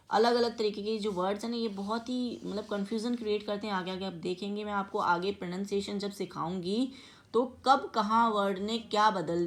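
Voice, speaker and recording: Woman teacher spelling out letters. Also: medium pitch. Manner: explains slowly, spells words out letter by letter, often checks with "theek hai". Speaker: English teacher. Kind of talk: classroom grammar lesson.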